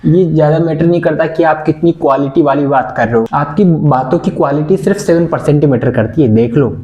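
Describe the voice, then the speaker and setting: A man's voice: fairly high pitch, a little fast, mellow, muffled recording. A young man teaching a casual online communication skills class, chatty and earnest, mixing English words into his speech. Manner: chatty, pleading, mixes English words into Hindi. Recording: echoey room.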